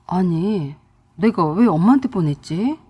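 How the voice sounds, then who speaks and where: A woman's voice: lowish voice, lively intonation, a little slow, warm tone, husky, pitched below the performer's own voice. A woman voicing a young husband who argues defensively with his mother, in a radio drama reading. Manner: pleading, defensive complaining.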